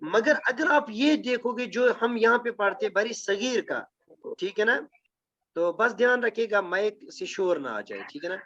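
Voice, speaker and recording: This man teaches Quranic Arabic grammar in a classroom lesson with recitation, and his high voice is expressive, bright and forceful. He explains step by step and keeps checking in with his students. The recording is dull and lo-fi.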